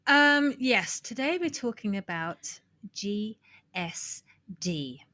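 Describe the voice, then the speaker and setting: A woman co-hosting a marketing podcast, in easy, chatty talk. She giggles and works through her points in lists, restarting often. Her pitch sits in the middle range. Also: expressive, slow, sharp tone. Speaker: podcast co-host. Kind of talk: casual chat.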